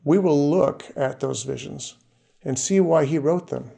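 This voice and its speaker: A man narrates his own show from a script, steady and measured as he covers names and facts. He speaks on the high side, with noticeable vocal fry.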